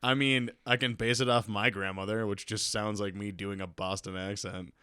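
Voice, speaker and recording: A man's voice: lowish voice, fairly even intonation, moderate pace, bright, forceful tone, smooth, no room sound. A man co-hosting a comedy podcast in casual banter, trading dry quips and arguing points. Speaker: podcast co-host.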